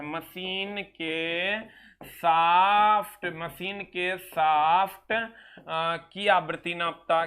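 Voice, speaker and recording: A man's voice: high-pitched, bright, forceful tone. A young man teaching an exam-prep science class, drilling terms by repeating them and drawing words out. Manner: repetitive, drawn-out drilling of terms, calls students "bhai mere". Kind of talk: classroom lecture.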